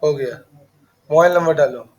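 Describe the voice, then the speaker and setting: A man from the teaches students in a small computer classroom. He is brisk and scolding. He drifts into chatty side remarks between his instructions. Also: fairly high pitch, a little mellow, lo-fi sound.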